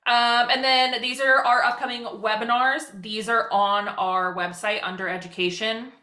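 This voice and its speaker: A woman talking very fast as she presents an informal social media webinar, chatty and given to self-deprecating asides. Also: fairly high pitch, fairly even intonation, sharp tone. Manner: very fast, rapid-fire talking. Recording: roomy, echoing sound.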